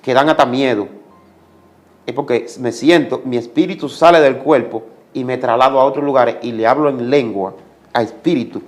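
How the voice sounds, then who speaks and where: A man's voice: mid-range voice, normal speed. A man giving a religious testimony as a guest, speaking like a preacher and repeating commands for emphasis.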